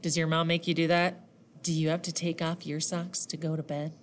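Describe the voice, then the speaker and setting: A woman reading a picture book aloud to children like a teacher, animated, asking questions and counting along. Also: sits low, fairly quick, a little hiss or hum.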